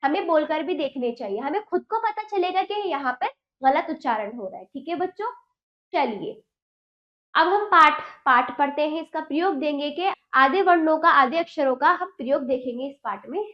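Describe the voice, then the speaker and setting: A high-pitched woman teaches young pupils, sounding each syllable out slowly and asking questions that she answers herself. The recording is roomy and echoey, with a slightly muffled tone. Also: lively intonation. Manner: slow, over-enunciated syllables for pupils. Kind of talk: Hindi grammar lesson for children.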